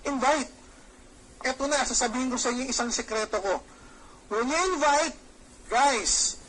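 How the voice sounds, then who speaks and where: A middle-aged man giving a Taglish seminar talk as a marketing trainer, lively, asking his audience questions and acting out bits of dialogue. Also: very high voice, slight background noise, low-quality recording. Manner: lively, acts out quoted dialogue.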